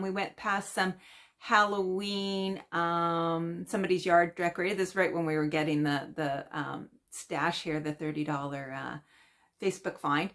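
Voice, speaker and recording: A woman's voice: mid-range voice, pushed and bright. A middle-aged Canadian woman chatting casually in a stitching vlog, meandering with many fillers and restarts. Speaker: cross-stitch vlogger. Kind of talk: casual rambling chat.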